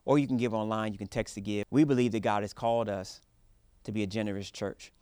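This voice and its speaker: A man's voice: mid-range voice, darkish tone, clear, resonant tone, no room sound, clean studio sound. A man speaking as a pastor, addressing his church in an earnest, informal and encouraging way. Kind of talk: church address, prayer and announcements.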